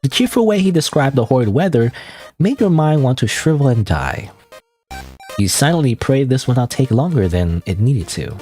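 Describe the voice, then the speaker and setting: A man's voice: mid-range voice, big pitch swings, normal speed, darkish tone, soft background music. A man from Canada, reading game text aloud and commenting casually. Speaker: game streamer.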